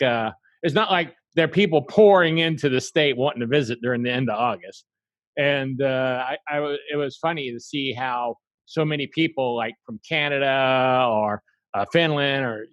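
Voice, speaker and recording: A man from South Carolina hosting a podcast, talking in an animated, rambling way full of asides. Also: mid-range voice, no echo. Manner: animated and rambling, lots of "you know" asides. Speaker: podcast host. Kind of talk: casual interview chat.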